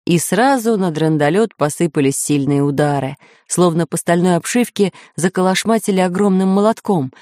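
A woman narrating a children's storybook in an expressive reading voice. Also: fairly low pitch, normal speed, few pauses, no echo, studio quality. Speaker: audiobook reader.

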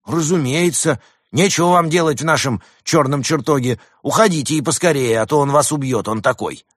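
Man doing a boastful wolf trader, high and fussy. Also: brisk, dry recording, clean studio sound, lightly acted. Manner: boastful, fussy, pushy salesman. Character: pompous wolf trader posing as a demon wizard.

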